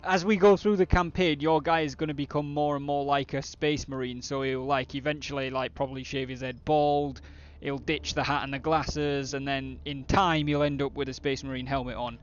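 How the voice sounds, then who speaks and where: A man's voice: medium pitch, little pitch movement, normal speed, hardly any pauses, highs cut off, faint music behind. A British man doing casual, blokey, sweary game commentary as a streamer chatting with viewers. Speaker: gaming streamer.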